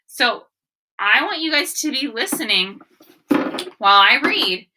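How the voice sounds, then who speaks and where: An elementary school teacher leads a read-aloud phonics lesson, addressing the children directly and sounding out words with emphasis. Her voice is fairly high with wide pitch swings and an unhurried pace, and the background is noisy.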